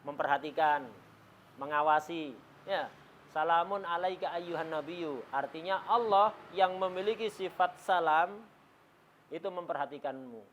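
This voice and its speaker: A man's voice: on the high side, measured pace, a bit bright, slight background noise. A man gives a religious lecture in a class, explaining step by step and answering his own questions, often restarting words. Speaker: religious teacher. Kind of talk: classroom lecture on Islamic law.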